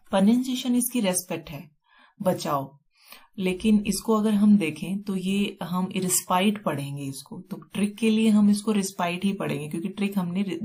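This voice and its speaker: Low-voiced Indian woman teaching vocabulary. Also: mellow. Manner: explains slowly, repeating words with memory tricks. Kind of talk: classroom vocabulary lesson.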